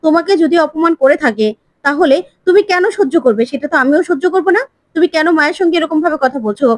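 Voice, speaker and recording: A woman's voice: sits high, quick pace, no echo, close to an everyday voice. A woman voicing an indignant young daughter demanding answers.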